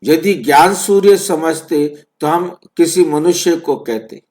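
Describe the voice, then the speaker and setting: A man explaining scripture slowly and deliberately as a spiritual teacher, repeating phrases for emphasis over an online call. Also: fairly high pitch, animated, a little mellow. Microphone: online video call.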